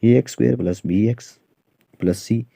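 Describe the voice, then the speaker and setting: A man's voice: medium pitch, gravelly, dark tone, dry recording, studio quality. A man teaching a maths exam-prep lesson, explaining step by step with frequent fillers and checks like "okay". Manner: explains slowly with many fillers and "theek hai".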